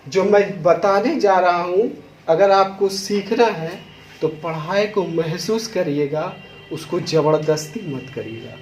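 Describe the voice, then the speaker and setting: A man with a fairly high voice teaches a class, speaking slowly and firmly as he sounds out each syllable with deliberate stress. The recording is echoey and a little dull, with faint noise behind him. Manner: slow, stressing each syllable aloud to demonstrate; addresses students directly, firm and instructive. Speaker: Hindi teacher. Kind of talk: classroom lesson.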